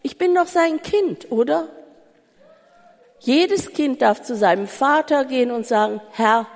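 A woman preaching a sermon, full of rhetorical questions and swinging between urgent pleading and soft calm. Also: high voice, unhurried. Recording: reverberant hall.

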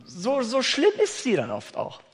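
A man preaching a sermon, chatty and lively, talking straight to the congregation and reading a story aloud. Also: very high-pitched, a little slow, slightly rough, big-room sound. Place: church.

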